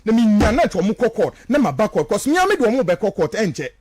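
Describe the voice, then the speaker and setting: On political talk radio, a Ghanaian man whose first language is Twi makes declamatory, accusatory points in a blend of local language and English. His voice sits high with a darkish tone and a sing-song lilt, moving at a quick pace, and the recording is dry.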